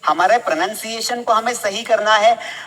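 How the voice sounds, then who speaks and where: A man's voice: sits high, moderate pace, pushed and bright, long reverb tail, poor audio. A man with an Indian accent teaching a live spoken English class in a chatty way. He keeps asking the class questions and then answers them himself.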